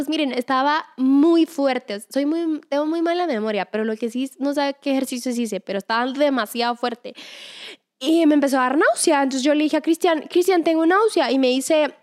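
A young woman with a high voice shares a personal testimony. She talks in a chatty, storytelling way, with plenty of fillers and quotes acted out as she goes. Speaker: devotional speaker. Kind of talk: personal testimony and Bible reflection.

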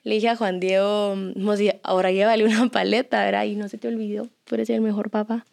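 A woman co-hosting a podcast, telling a personal story in a casual, animated way and acting out the voices in it. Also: medium pitch, brisk, creaky. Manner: animated, acts out voices in her stories. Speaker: podcast co-host.

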